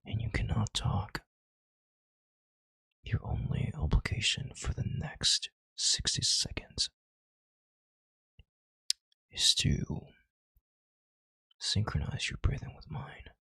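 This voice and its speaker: Hushed and commanding, a man plays an arrogant, controlling CEO who calmly soothes his analyst in an intimate audio roleplay. He speaks slowly and deliberately with condescending authority, his exaggerated voice deep, gravelly, and pitched as a breathy half-whisper. There is no echo.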